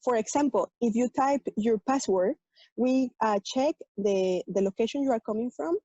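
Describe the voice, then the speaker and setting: A woman's voice: fairly high pitch, dark tone, no room sound, highs cut off. A woman from Mexico, a native Spanish speaker with a Mexican Spanish accent, earnestly introducing herself and her tech work on a panel. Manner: earnest, explanatory, with "um" pauses. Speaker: tech panelist, program manager.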